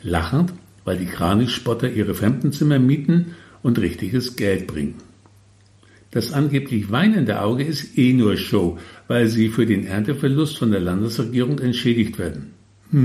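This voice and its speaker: A man's voice: fairly low pitch, lively intonation, normal speed, warm tone, echoey room. A man reading his own humorous story with wry, tongue-in-cheek asides.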